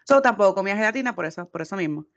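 A woman's voice: medium pitch, lively intonation, very fast, highs cut off. A woman, co-hosting a casual podcast chat, laughing often and mixing in English phrases. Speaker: podcast co-host.

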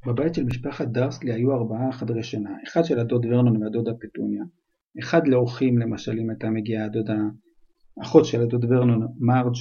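Gravelly man retelling a storybook. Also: medium pitch, steady tone, warm tone. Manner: loose, conversational retelling. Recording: dull lo-fi recording.

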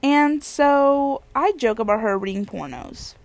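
A woman's voice: high-pitched, lively intonation, a little slow, gravelly, no echo. A young woman hosting a casual solo podcast, with a slightly stuffy nose, telling rambling stories and giggling often. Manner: chatty, giggly, rambling storyteller. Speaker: podcast host.

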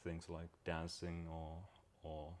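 A man from Finland, a guest talking reflectively and pausing to search for words. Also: sits low, monotone, very noisy. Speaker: podcast guest. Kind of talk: casual conversation.

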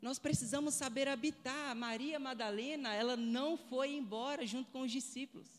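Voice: high voice, moderate pace, big-room sound. A preacher giving a sermon, asking the listeners one rhetorical question after another.

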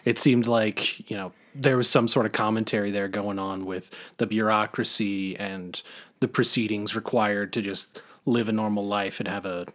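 A man's voice: fairly low pitch, steady tone, normal speed, fairly bright tone. A man co-hosting a podcast, chatting casually about a film, rambling with many fillers and restarts. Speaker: podcast co-host.

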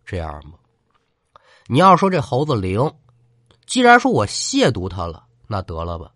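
Brief: a defiant, sneering young man in a spoken folk tale, pitch swinging widely, as a storyteller puts him on. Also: huge pitch swings, normal speed, fairly bright tone, dry recording, clean studio sound. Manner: defiant, taunting. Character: brash, mocking young man, scoffs at gods.

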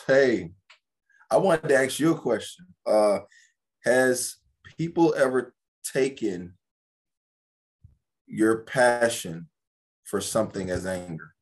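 Mid-pitched man on a podcast, animated and repetitive, keeps restarting lines while giving advice. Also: slow, long pauses. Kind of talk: casual podcast conversation.

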